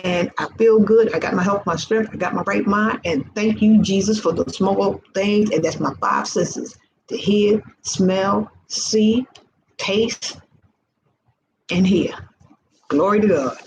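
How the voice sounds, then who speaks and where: At a slow pace and medium pitch, a woman in her early sixties gives fervent faith encouragement in her informal vlog, repeating herself as a preacher would. The recording is muffled and has a noisy background hiss.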